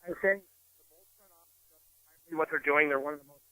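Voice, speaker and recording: A man's voice: a little high, fairly quick, sharp tone, no room sound. A blunt, opinionated man calling into a sports talk show from a hotel, his phone line fading in and out. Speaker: phone-in guest analyst. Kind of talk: sports talk radio discussion. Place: hotel room.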